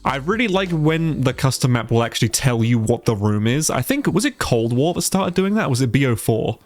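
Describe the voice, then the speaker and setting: Faint music plays behind a congested, stuffy-nosed man delivering brisk, lively let's play commentary at a medium pitch. He's a gaming YouTuber who is sick, playing while he talks, and his manner is casual, sweary and easily amazed.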